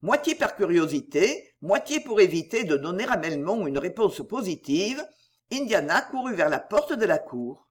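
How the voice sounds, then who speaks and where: A narrator reads a classic novel aloud with a lively, expressive intonation. The voice is somewhat husky. The pace is steady, and the rise and fall of each sentence is strongly marked. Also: mid-range voice, moderate pace. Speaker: audiobook narrator.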